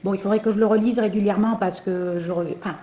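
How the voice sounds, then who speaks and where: A woman's voice: medium pitch, fairly even intonation, fast, warm tone. A woman with a lisp and slushy s sounds gives an informal book recommendation, speaking in a hesitant, conversational way with emphatic moments. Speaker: book reviewer presenting novels. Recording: roomy, echoey sound.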